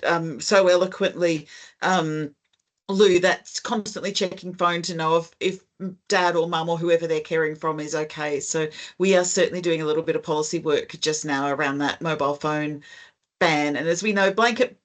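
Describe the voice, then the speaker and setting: A woman's voice: low-pitched, fairly even intonation, normal speed. A woman hosting and chairing an online video call conversation, friendly and wordy with frequent ums. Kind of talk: casual online meeting chat.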